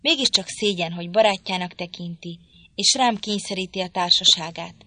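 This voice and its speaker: A woman reading a stern, formal gentleman. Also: fairly low pitch, no room sound. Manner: stiff, formal, reproachful. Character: stern, indignant gentleman husband, cold and formal.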